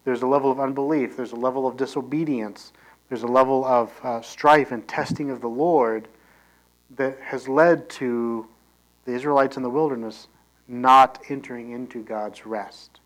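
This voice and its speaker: A man's voice: medium pitch, poor audio. Man preaching a sermon. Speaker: pastor. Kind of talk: sermon reading scripture with commentary.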